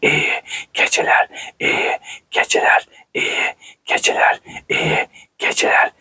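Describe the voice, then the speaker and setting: A man whispering ASMR in a hushed, soothing way, quiet at night, repeating short phrases like a soft chant. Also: takes it slowly. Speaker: host of an ASMR channel.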